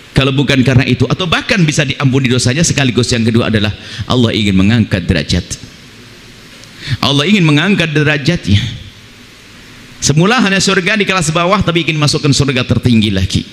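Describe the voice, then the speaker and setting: A man preaching a sermon, swinging between high emphatic lines and low mocking impressions of other people's prayers. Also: lively intonation, a little fast, fairly bright tone, big-room sound.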